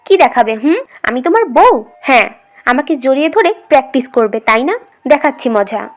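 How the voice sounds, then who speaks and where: A woman voicing a sulky, sharp-tongued young wife in a romantic audio story. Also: sits high, very animated, normal speed. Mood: sulky defiant. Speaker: voice actor.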